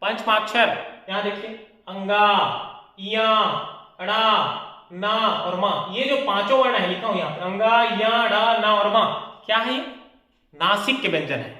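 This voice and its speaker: A male teacher explains grammar with a clear, bright tone. He keeps posing questions and answering them himself, going over each point again and again. The sound rings heavily around a very echoey room. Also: high-pitched, unhurried. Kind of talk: classroom grammar lesson.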